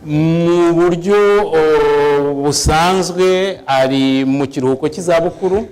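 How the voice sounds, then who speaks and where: A man's voice: a little high, fairly even intonation, slow, a little mellow, long reverb tail, low-quality recording. A man interpreting a church service phrase by phrase, with small hesitations. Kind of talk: live sermon interpreting.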